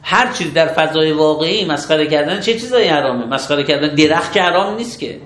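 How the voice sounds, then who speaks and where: A man, a religious law scholar, explaining rulings step by step in an interview, measured and methodical. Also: fairly high pitch, expressive, a bit bright, reverberant. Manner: measured, methodical, affirms with short approvals.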